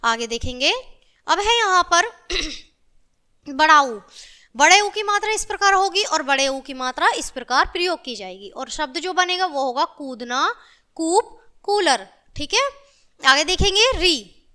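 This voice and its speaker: High, bright-voiced woman teaching children. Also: very animated. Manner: patient, repetitive, drawn-out enunciation of sounds. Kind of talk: grammar lesson for children.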